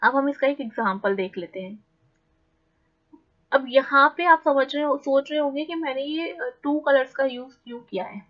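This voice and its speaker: A young woman teaching an exam-prep literature lesson in a mix of Hindi and English, explaining step by step and slowing down to read English definitions. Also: high-pitched, highs cut off. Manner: explains patiently, slows right down when reading English definitions.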